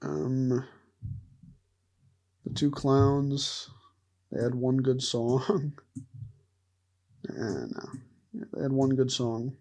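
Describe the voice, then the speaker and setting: A man's voice: mid-range voice, drawn-out words, pauses often, dark tone. A man giving casual, rambling commentary as he ranks cartoon characters, laughing often and trailing off mid-thought. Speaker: vlogger ranking show characters.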